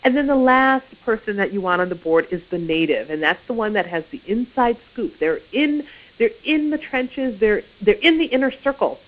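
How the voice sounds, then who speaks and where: A woman's voice: mid-range voice, animated, normal speed. A woman giving career advice in an informal, conversational teaching talk, often saying "you know". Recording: tinny phone-like sound.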